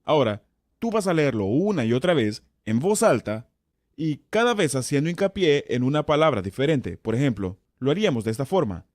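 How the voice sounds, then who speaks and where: A man's voice: mid-range voice, sing-song, brisk, darkish tone, no room sound, clean studio sound. A man teaching a Bible study session as pastor, emphatic and repeating key words for stress.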